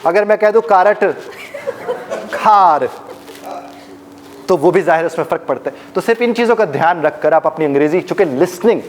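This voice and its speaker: A man's voice: a little high, racing, hardly any pauses, darkish tone, slight background noise. A man teaching a live workshop audience, demonstrating pronunciations and joking with the room. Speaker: life coach and trainer.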